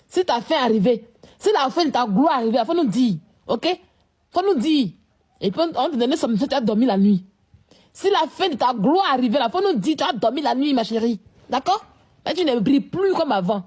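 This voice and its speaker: A woman's voice: high-pitched, a little mellow, husky. A woman ranting at someone in a scolding, repetitive, confrontational way. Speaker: vlogger. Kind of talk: live-stream rant.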